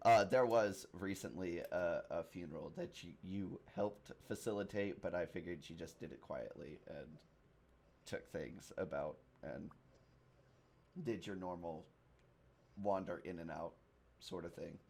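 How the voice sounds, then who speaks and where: A man narrating a tabletop game as game master in a casual, halting way. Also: low-pitched, vocal fry, darkish tone. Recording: faint background noise.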